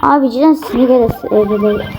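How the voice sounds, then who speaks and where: A woman's voice: fairly high pitch, quick pace, over loud music. A young woman giving casual commentary on her own gameplay, often frustrated and exclaiming at her teammates. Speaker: gamer. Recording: noisy home recording.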